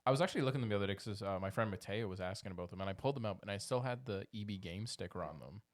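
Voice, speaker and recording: Low-voiced host guy, talks quick, chill short answers. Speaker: podcast co-host. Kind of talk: casual chat.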